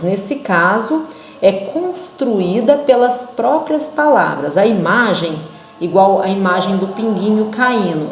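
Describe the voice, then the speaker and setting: A woman teacher with a Brazilian Portuguese accent giving a recorded lesson to young children, patient and expressive. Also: medium pitch, a little hiss or hum. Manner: slow, patient and expressive, talks to kids as their teacher. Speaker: primary school teacher. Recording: echoey room.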